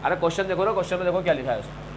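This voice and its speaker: A middle-aged man with an Indian accent teaching a coaching class, animated, scolding and joking with his students. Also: sits high, racing, a little hiss or hum, low-quality recording. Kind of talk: classroom lecture.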